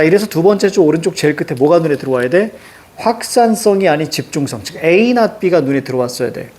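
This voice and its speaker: A man's voice: fairly high pitch, a little mellow. A man teaching a Korean reading class, walking students through a text and checking their understanding with short prompts. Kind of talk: classroom lecture.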